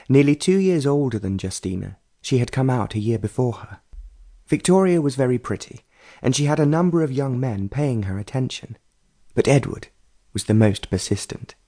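A man reading a romance novel aloud as an audiobook narrator, in a calm, even storytelling way. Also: medium pitch. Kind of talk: scripted narration.

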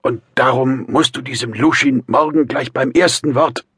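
A man's voice: mid-range voice, measured pace, breathy edge, no echo, studio quality, pitched above the performer's own voice. A man voicing a feverish, defiant young man in an audiobook, speaking in a strained, insistent way. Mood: bitter. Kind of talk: audiobook character voice.

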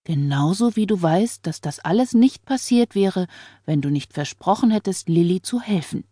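A woman's voice: fairly low pitch, animated, normal speed, mellow, no room sound, studio quality. A woman reader voicing a controlling husband who scolds and soothes with menace. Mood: falsely tender.

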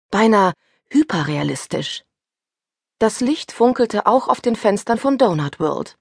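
A woman reading a first-person suspense audiobook aloud, with a husky voice that turns tense and breathless in the panic passages. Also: lowish voice, dry recording, studio quality. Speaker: audiobook narrator. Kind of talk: scripted first-person narration.

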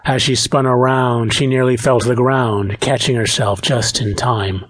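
A man reading a romance audiobook aloud, in a steady, measured narration. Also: mid-range voice, breathy edge. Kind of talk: scripted narration.

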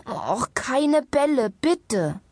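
A woman voicing a fretful, portly man in a storybook, whiny and pained, who protests in slow, drawn-out words. The recording is dry and close, with no room sound. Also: high voice, sing-song, darkish tone, no room sound, pitched above the performer's own voice, exaggerated voice. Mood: protesting. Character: anxious, plump man allergic to sport.

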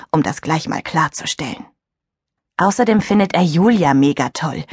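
A woman narrating a youth audiobook in the first person, chatty and expressive. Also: on the low side, slightly rough, no room sound, clean studio sound.

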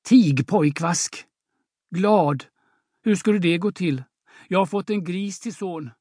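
A man puts on an aging peasant mother whose voice climbs high when she scolds her son. She wails and chides in bursts of exclamation. The reading sounds close and dry, with no room around it. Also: a little mellow, no room sound. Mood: scolding. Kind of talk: audiobook drama reading.

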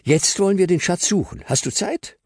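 A man's voice: sits high, moderate pace, a little mellow, slightly rough, no echo, studio quality, voice pushed up. A man voicing a schoolboy patiently explaining a plan.

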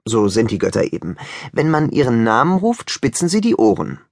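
A man's voice: mid-range voice, sing-song, brisk, creaky, dry recording, clean studio sound. A man narrating a children's audiobook with wry, joking asides to the listeners.

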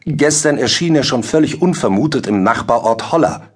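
A man voicing a two-faced court clerk who feigns concern while quietly gloating. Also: medium pitch, animated, normal speed, slightly rough, voice pushed up. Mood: self-important. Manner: mock-concerned, needling.

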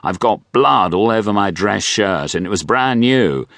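A man's voice: lowish voice, expressive, unhurried, fairly bright tone, no room sound, clean studio sound. A man voicing a jovial, posh male obstetrician, chatty and hearty.

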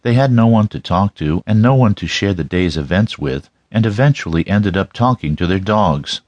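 A man's voice: lowish voice, lively intonation, moderate pace, a little mellow, no room sound, muffled recording. A man reading a first-person crime story as a scripted audiobook narration.

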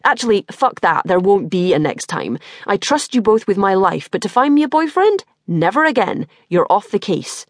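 A woman's voice: mid-range voice, sing-song, moderate pace, hardly any pauses, no room sound. A woman voicing an exasperated, blunt young mother who swears freely, in an audiobook.

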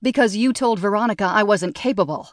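A woman's voice: mid-range voice, lively intonation, normal speed, darkish tone, dry recording, clean studio sound, close to an everyday voice. A woman voicing a proud young woman perfumer who holds back her anger behind clipped, cold words.

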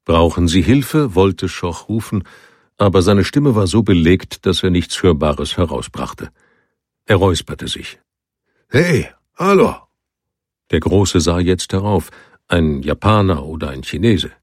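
A man narrating an audiobook in a calm, measured storytelling manner. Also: low voice, no echo, studio quality. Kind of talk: scripted narration.

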